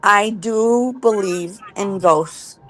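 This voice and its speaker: A woman's voice: medium pitch, drawn-out words, fairly bright tone, soft background music, rough recording. A woman telling a personal ghost story in an earnest, casual way, repeating words when she gets tense.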